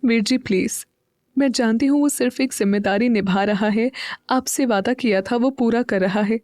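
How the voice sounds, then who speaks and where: A woman's voice: on the high side, moderate pace, a little mellow, dry recording, studio quality, lightly acted. A woman voicing a young woman full of guilt, choked with tears and breaking off mid-sentence. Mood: subdued. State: crying, choked up.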